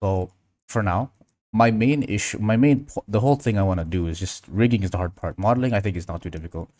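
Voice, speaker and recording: This livestream host from Indonesia talks quickly in a fairly low, slightly mellow voice with no echo. During his casual tutorial he thinks aloud as he works and reads out and replies to the chat.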